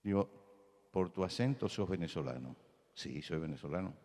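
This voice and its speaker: Older Argentine pastor with deep voice. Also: male voice, animated, normal speed, mellow, long reverb tail. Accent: Rioplatense Spanish. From Buenos Aires, Argentina. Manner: storytelling, conversational, rising to emphatic. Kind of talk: sermon. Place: large church hall.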